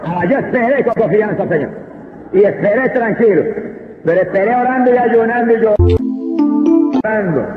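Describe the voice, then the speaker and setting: A man preaching a fervent Pentecostal sermon, swinging between slow drawn-out emphasis and quick bursts. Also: high-pitched, animated, music in the background. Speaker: evangelist preacher. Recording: tinny lo-fi recording in a reverberant hall.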